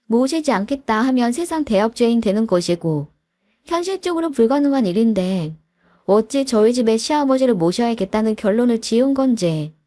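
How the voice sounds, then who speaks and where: A woman's voice: on the high side, animated, normal speed, warm tone. A woman narrating her own family story in a weary, plain way. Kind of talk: scripted narration.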